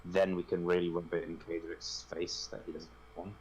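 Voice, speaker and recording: Low-voiced man, tabletop player, slow and deliberate, faint hum behind. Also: level tone, a little mellow, rough recording.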